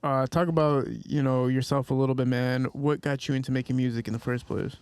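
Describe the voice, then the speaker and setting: Fast-talking, chatty podcast host. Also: male voice, mid-range voice, fairly even intonation, darkish tone, clean tone, no room sound. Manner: quick, chatty, cheerfully profane. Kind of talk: casual interview chat.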